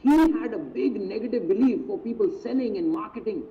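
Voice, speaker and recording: A man with an Indian accent, a business mentor telling a story in a live online talk, animated and acting out quotes. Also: sits high, a little fast. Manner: animated, mixes in Hindi phrases, acts out quotes. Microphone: video call. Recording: tinny phone-like audio, faint noise.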